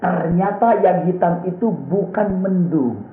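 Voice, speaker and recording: A man delivers a storytelling sermon in a high voice, acting out each character and chuckling as he goes. The sound is thin and phone-like, with a lot of room echo around him. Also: measured pace, slight background noise. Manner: animated, acts out characters with raised pitch, chuckles often. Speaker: preacher. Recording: echoey room on a tinny phone-like line.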